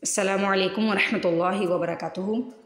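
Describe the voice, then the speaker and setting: A woman's voice: medium pitch, fairly even intonation, normal speed, a bit bright. A woman teaching a Quran lesson, spelling out each word syllable by syllable and repeating it patiently. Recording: echoey room with long reverb.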